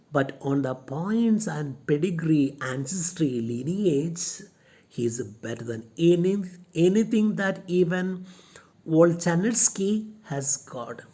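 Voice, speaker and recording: A woman voicing a sharp-tongued, stubborn young woman while reading a play aloud for a class. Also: on the low side, sing-song, unhurried, slightly rough, voice pushed up, heavily acted. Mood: defiant.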